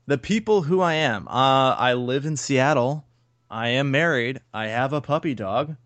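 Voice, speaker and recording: A man's voice: medium pitch, measured pace, no echo. A man in his thirties co-hosting a casual podcast, wry and laughing as he tells stories. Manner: wry, laughing, animated storyteller. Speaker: podcast co-host. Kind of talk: casual chat.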